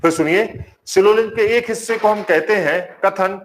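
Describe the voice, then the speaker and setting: A man's voice: high voice, normal speed, a little hiss or hum. A man teaching a live online reasoning class, repeating each point and quizzing his viewers. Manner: warm greetings to viewers. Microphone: marker on whiteboard.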